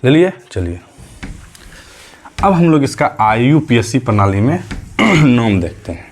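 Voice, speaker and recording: A man's voice: mid-range voice, big pitch swings, measured pace, slight background noise. A male chemistry teacher giving a medium lesson, patiently repeating key terms as questions and counting aloud step by step, with a light tinge. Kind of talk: classroom lesson.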